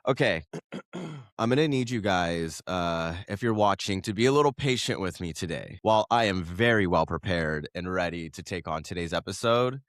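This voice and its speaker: A man's voice: low voice, expressive, moderate pace, no echo, studio quality. A man in his thirties hosting a solo podcast, chatting casually and rambling, correcting himself and laughing often, while coming down with a cold. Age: 30s. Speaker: podcast host.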